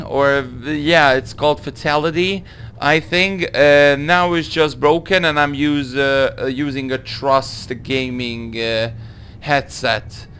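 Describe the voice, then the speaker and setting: A young man from Hungary with a Hungarian accent, answering viewer questions in a casual gaming Q&A, halting through his English with many fillers. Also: medium pitch, sharp tone, slight background noise. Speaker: gaming video creator. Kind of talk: casual Q&A monologue.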